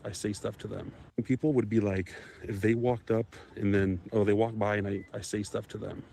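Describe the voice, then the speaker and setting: Quiet mumbling man in a played clip. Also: fairly low pitch, steady tone, normal speed, creaky, slight background noise. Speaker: street auditor in a played clip. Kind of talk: casual livestream talk.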